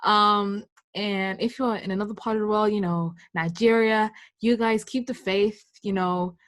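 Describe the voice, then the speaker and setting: A woman's voice: medium pitch, steady tone, moderate pace. A young woman co-hosting a casual podcast, chatty and rambling as she wraps up the episode. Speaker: podcast co-host. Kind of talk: casual podcast sign-off chat.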